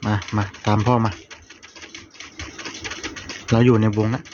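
Man, gameplay commentary, urgent and polite, calling out directions, dull lo-fi sound, loud game noise behind. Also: on the low side, flat delivery, takes it slowly. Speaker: gaming channel host.

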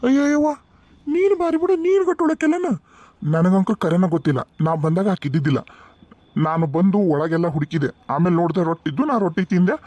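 A man's voice: sits high, darkish tone, dry recording. A man voicing a lazy, defensive young village brother in a cartoon, with a North Karnataka Kannada accent. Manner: rambling, defensive excuses. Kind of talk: cartoon voice acting.

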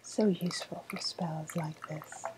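In a softly spoken ASMR roleplay, a woman plays a sly woodland witch, half-whispering in a slow, deliberate, sweetly ominous way. Her voice sits low with fairly even intonation, the mood hushed and pleased, and the recording is rough.

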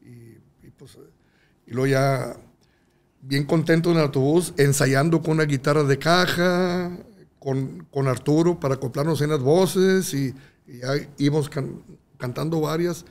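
A man, a guest singer telling a casual anecdote in a lively, slangy way. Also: fairly high pitch, a little slow. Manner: lively storyteller, acting out voices and using slang.

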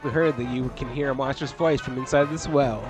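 A man's voice: medium pitch, fairly even intonation, brisk, over music, lightly acted. A man voicing a bored, pushy kid blocking the way to a well, in a whiny, raised voice.

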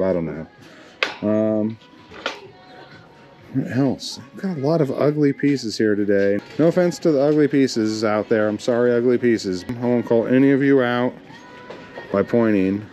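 In this casual vlog, a thrift reseller talks viewers through his thrift shopping trip as if they were friends, rambling and cracking jokes. His voice is mellow and mid-range.

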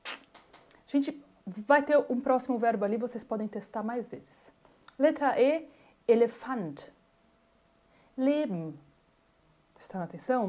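A woman, teaching a German pronunciation lesson and saying example words slowly and repeating them. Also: fairly high pitch, warm tone.

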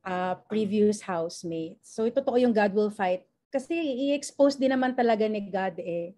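Filipino woman, mellow warm tone, soft-spoken, video call. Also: mid-range voice, normal speed. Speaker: participant. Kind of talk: casual testimony sharing.

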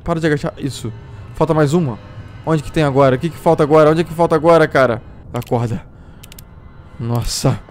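A man's voice: on the high side, brisk, long pauses, darkish tone. A man commenting on a horror game as he plays, jumpy and talking to himself about what to do. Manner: jumpy, exclaims and yelps at scares; talks to himself, asking what to do. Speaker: gameplay streamer. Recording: game music faint behind.

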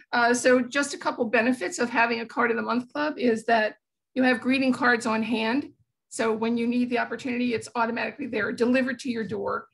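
A woman giving an eager short pitch for her small business on a video call, with frequent ums and restarts. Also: vocal fry, fairly bright tone, rough recording.

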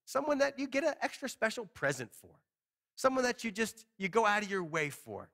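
A man's voice: high voice, fairly quick, creaky. A man in his forties preaching to a small congregation from a church stage, teaching conversationally and paraphrasing scripture in everyday words. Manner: conversational, animated hand gestures, paraphrases scripture casually. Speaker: pastor. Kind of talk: expository sermon.

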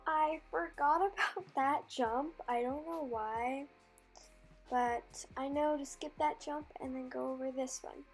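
A woman's voice: sits high, measured pace, soft background music. A woman narrating her riding lesson as a casual vlog voice-over, in a chatty, rambling storytelling way.

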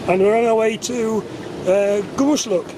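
A man on a sailboat giving relaxed, matter-of-fact updates for his sailing vlog. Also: sits high, normal speed. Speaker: sailing vlogger, skipper. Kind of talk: casual chat. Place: on a sailboat at sea, outdoors. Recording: wind and water noise outdoors.

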